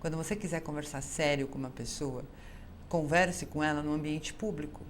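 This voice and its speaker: A woman's voice: low voice, a little fast, slight background noise. A woman with a Brazilian Portuguese accent hosting an advice show as a psychologist, talking straight to viewers and acting out the quoted lines herself. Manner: lively, acts out quoted dialogue. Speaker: psychologist host.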